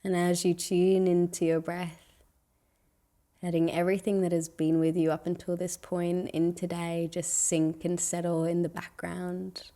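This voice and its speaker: Gentle and soothing, this woman guides listeners through a meditation, letting long pauses fall between her phrases. Her tone is mellow and relaxed, and her slightly low pitch barely wavers.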